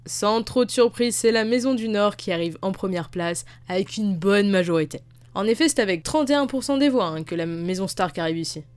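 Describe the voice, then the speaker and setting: A woman's voice: medium pitch, animated, fairly quick. Young woman, playful teasing commentary. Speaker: video host. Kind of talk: casual commentary on a fan poll. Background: faint music.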